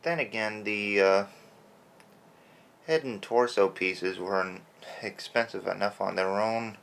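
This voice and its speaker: Painting a toy at his desk, a soft-spoken toy customizer chats about his hobby at a slow pace. His voice is lowish and a bit rough in the throat from allergies, and he drifts between thoughts, using lots of fillers.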